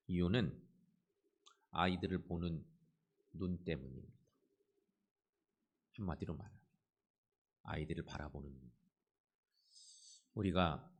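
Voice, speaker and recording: A male pastor giving a Sunday sermon in a church, retelling a story in an animated way and acting out the voices. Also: low voice.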